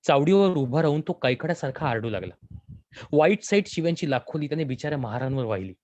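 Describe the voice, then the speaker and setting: A man reading a story aloud in a measured, expressive way. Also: a little high, no room sound. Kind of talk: scripted story narration.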